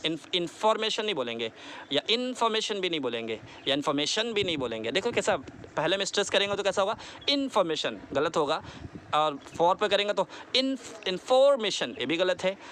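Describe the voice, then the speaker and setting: A man teaching a spoken lesson, repeating words slowly for practice and mixing into his explanations. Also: fairly high pitch, pushed and bright, a little hiss or hum. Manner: mixes English into explanations. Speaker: English teacher.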